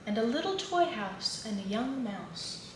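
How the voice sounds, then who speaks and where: A woman reading children's picture books and poems aloud in an expressive, sing-song way. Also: on the high side, a little slow. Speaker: children's book reader. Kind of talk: read-aloud storytelling for children. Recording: echoey room with clear background noise.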